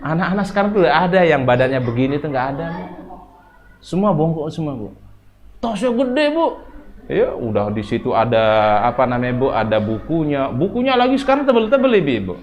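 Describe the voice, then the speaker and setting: A man preaching a sermon to a women's study group, asking his listeners questions and swinging between soft, slow passages and loud, high-pitched emphasis. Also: animated. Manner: addresses women listeners, asking them questions and answering himself.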